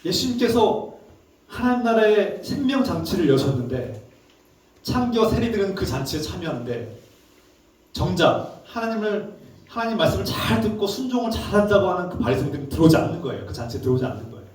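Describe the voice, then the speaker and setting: A man's voice: sits high, big pitch swings, fairly quick, a little mellow. A male pastor preaching a sermon with emphatic rhetorical questions and repeated phrases. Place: large church sanctuary. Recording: very echoey hall, distant mic.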